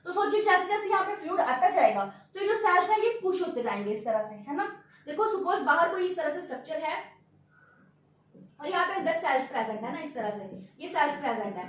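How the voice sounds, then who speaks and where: A woman biology teacher with a very high voice lectures at a board, expressive and a little fast, asking and answering questions on key terms while checking in with students again and again through tag words. She is heard from a distance, off-mic in a strongly echoing room with slight background noise.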